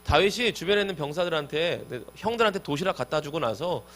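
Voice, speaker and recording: A man giving a youth sermon as pastor, talking directly to his listeners in a lively way. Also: a little high, quick pace.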